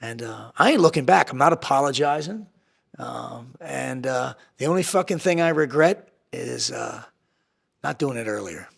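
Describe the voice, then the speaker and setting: A man's voice: medium pitch, animated, gravelly, fairly bright tone, slightly rough. A man speaking as a guest in a candid podcast interview, blunt and intense, swearing heavily and hammering points through repetition. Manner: swings between fast bursts and slower, drawn-out phrases. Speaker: podcast guest, entrepreneur and former Navy SEAL.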